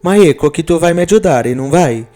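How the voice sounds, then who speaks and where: A man voicing a fiery, anxious Italian immigrant mother with an Italian accent, speaking high and insistent. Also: animated, normal speed, mellow, lightly acted.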